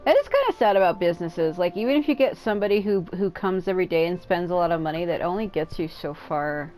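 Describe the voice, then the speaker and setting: A woman's voice: on the low side, expressive, quick pace, darkish tone, faint music behind. A young woman giving casual, joking commentary while playing a game, swearing freely. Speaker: gaming streamer. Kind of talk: casual let's-play commentary.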